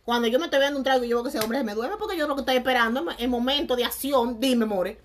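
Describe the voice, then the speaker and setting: A young woman chatting to her viewers, lively and laughing, with crude slang and sudden swings between loud and soft. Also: high voice, rapid-fire, noisy background. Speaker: vlogger. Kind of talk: casual chat to viewers.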